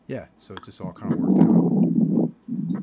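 Low-voiced man on a breaking-up call. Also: expressive, slow pace, creaky, highs cut off, crowd noise. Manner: rambling, full of "like" and "you know". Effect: breaking up over a bad online call connection. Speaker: musician asking questions. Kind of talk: casual interview chat.

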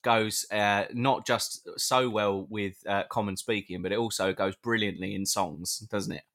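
A man's voice: lowish voice, steady tone, unhurried, fairly bright tone. Rambling British man hosting live. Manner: rambling, playful, restarts often. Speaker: podcast co-host. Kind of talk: casual live chat with listeners.

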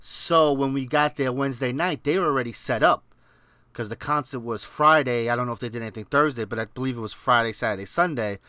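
Bright-voiced man with a Queens accent. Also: mid-range voice, fast, smooth, dry recording. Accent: Queens New York. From Queens, New York. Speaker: podcast co-host. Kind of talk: casual chat, animated storytelling.

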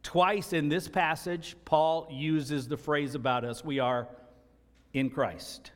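A man's voice: fairly high pitch, fairly even intonation, slow pace. A man preaching a sermon as pastor, earnest and emphatic, repeating key phrases for stress. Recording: long reverb of a large hall.

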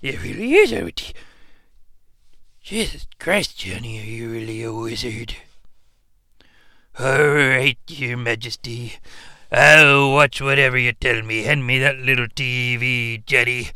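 A man's voice: medium pitch, measured pace, pushed and bright, dry recording, studio quality. A man voicing a bumbling, rambling old ex-wrestler who gets easily flustered and confused by technology, in an improvised comedy bit. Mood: bewildered.

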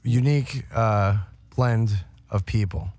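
A man's voice: on the low side, takes it slowly, a little mellow, no room sound. A man from New York hosting a casual radio interview, rambling and hesitant but agreeable as he talks. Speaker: radio show host.

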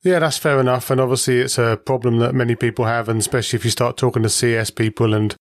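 A man's voice: medium pitch, fairly even intonation, quick pace, no room sound, studio quality. Joking podcast host, man. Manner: playful, joking. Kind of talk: scripted intro then interview questions.

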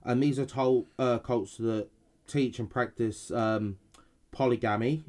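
A man's medium-pitched, slightly mellow voice carries at a measured pace with fairly even intonation. He's a podcast co-host, a little nasal while recovering from illness, reading definitions from notes with hesitations and restarts.

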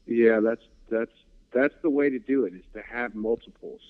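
A man's voice: mid-range voice, normal speed. A laid-back man chatting casually, who swears easily and keeps saying dude and man. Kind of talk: casual chat. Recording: dull lo-fi audio.

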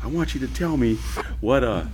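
A man's voice: medium pitch, lively intonation, a little fast, darkish tone, slight background noise. A man co-hosting a podcast in casual chat, laid-back, swearing a lot and saying dude and bro. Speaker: podcast co-host.

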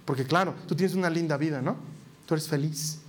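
Male preacher, high voice, sermon, rhetorical questions, acts out little scenes. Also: a little fast. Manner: dramatizes examples with acted dialogue and rhetorical questions.

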